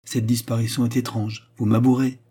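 A man's voice: mid-range voice, flat delivery, moderate pace, mellow, slightly rough, lightly acted. Man voicing a haughty imperious queen. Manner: imperious, demanding, impatient. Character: proud haughty queen, adult woman. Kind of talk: audiobook reading.

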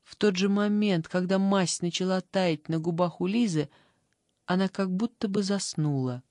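A woman reading a fairy tale aloud as a calm, even audiobook narrator. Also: fairly low pitch, moderate pace, no echo, clean studio sound. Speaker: audiobook reader. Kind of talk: scripted narration.

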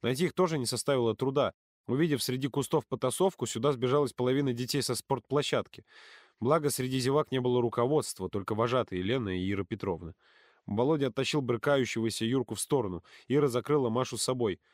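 A man's voice: medium pitch, fast, no room sound, studio quality. A man reading an audiobook in a tense, dramatic narrating style.

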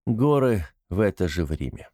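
A man's voice: sits low, very animated, moderate pace, warm tone, no echo, clean studio sound. A man reading fiction as an audiobook narrator, in a scripted storytelling style.

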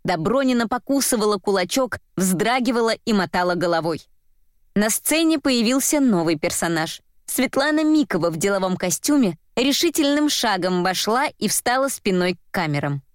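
A woman narrating a crime novel as an audiobook in a measured manner. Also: medium pitch, animated, dry recording, studio quality. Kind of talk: scripted narration.

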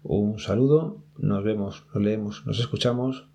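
A man's voice: on the low side, unhurried, creaky, dark tone, dull audio. A man with a Spain Spanish accent hosting a podcast, giving chatty, practical advice to his listeners in a casual monologue. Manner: chatty, advising listeners directly. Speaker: podcast host working at an ID card office.

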